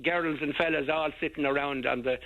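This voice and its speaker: A man's voice: on the high side, steady tone, a little fast. An older Irish man, a radio guest, recalling local history in casual, rambling talk with many restarts. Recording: dull band-limited radio sound.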